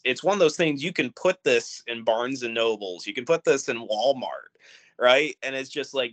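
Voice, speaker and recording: A man co-hosting a gaming podcast, chatting casually, animated and trailing off at times. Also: mid-range voice. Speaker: podcast co-host. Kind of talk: casual chat.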